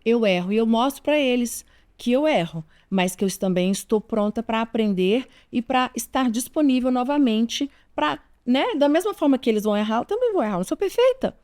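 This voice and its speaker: A Brazilian woman in her forties talks straight to her audience about raising children. Her voice sits a touch high, and she is earnest and emphatic. She drives each point home by repeating it. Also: expressive, a little fast, darkish tone. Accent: Brazilian Portuguese. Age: 40s. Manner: earnest, emphatic, repeats key advice, addresses listeners directly. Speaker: parenting advice host. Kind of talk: direct-to-camera advice talk.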